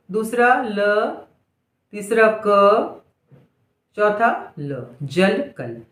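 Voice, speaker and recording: A woman teaches a dictation lesson at a very slow, deliberate pace. She sounds out single letters and repeats each word over and over with patient care, and her voice rings in an echoey room. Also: a little high.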